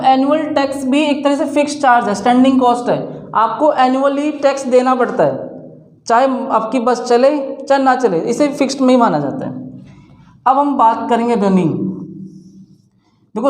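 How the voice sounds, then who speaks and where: A man's voice: extremely high pitch, normal speed, a little mellow. A man teaching a class, explaining step by step and posing questions to the students that he answers himself. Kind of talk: classroom lecture. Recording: roomy echo.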